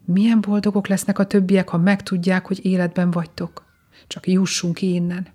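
A woman's voice: lowish voice, flat delivery, warm tone, husky. A woman voicing an eager, brave young prince who speaks in a whisper in a storybook reading.

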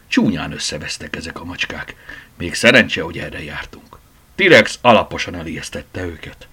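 Man playing a gallant gray-haired old gentleman. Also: low voice, lively intonation, breathy edge, heavily acted. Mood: courteous. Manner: polite, gallant, formal. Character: courtly gray-haired older gentleman with a deep voice.

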